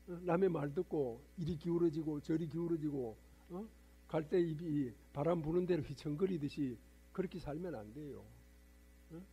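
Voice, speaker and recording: Husky, mellow-voiced monk lecturing a congregation. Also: male voice, on the high side. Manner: lecturing, rhetorical questions to congregation. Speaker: Buddhist monk preacher. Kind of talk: sermon. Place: temple hall with congregation.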